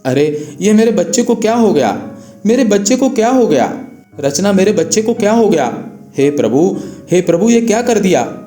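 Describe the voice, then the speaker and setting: Man doing a young father, raised and emotional, lively pitch, echoey room, faint guitar. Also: moderate pace. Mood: anguished. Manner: raised, crying out.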